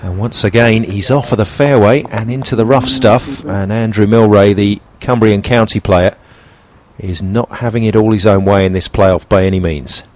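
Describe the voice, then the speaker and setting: A man's voice: fairly low pitch, steady tone, moderate pace. A man presenting and commentating on televised golf in punchy broadcast phrasing. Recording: loud music under the voice. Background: music.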